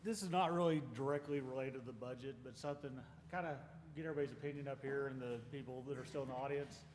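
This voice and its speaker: A man's voice: mid-range voice, fast talker, a little mellow, a little hiss or hum. A man speaking casually and candidly as a council member. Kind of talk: council meeting discussion. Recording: roomy council chamber with long reverb.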